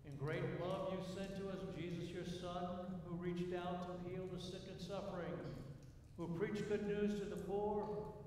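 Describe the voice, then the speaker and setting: A man leading liturgical prayers in a measured, intoned way, his voice ringing with a cathedral-like echo in a large church sanctuary. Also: high-pitched, flat delivery, a little mellow. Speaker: worship leader. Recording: roomy church echo from far off, faint noise.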